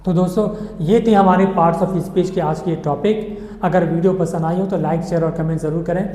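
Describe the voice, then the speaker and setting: A man's voice: on the high side, fairly even intonation, normal speed, mellow. A man teaching a grammar lesson, explaining patiently, mixing English words into his speech and checking in with "okay" after each point. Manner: mixes English words into Hindi. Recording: echoey room with long reverb.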